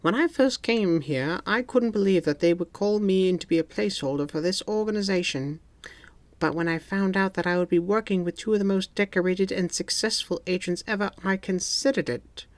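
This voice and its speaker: A woman's voice: medium pitch, brisk, no room sound, voice pushed up, natural voice. A man voicing a stern female spy chief who scolds in a clipped, disapproving way.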